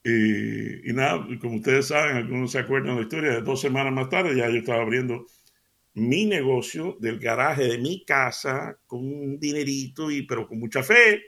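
Man, gravelly voice, mid pitch, conversational sermon, chatty storyteller. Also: moderate pace, bright, forceful tone. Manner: chatty storytelling, laughs at own jokes. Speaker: preacher.

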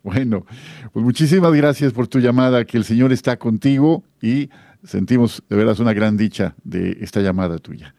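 A man's voice: mid-range voice, normal speed, no room sound, clean studio sound. A man with a Mexican accent hosting a live faith radio call-in show, speaking in a friendly pastoral way with many fillers. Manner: warm pastoral tone, frequent fillers. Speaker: radio host.

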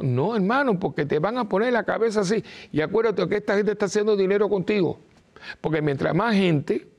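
Gravelly priest preaching. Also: male voice, a little high. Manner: emphatic, repeats short no's, acts out quoted voices. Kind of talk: informal preaching talk.

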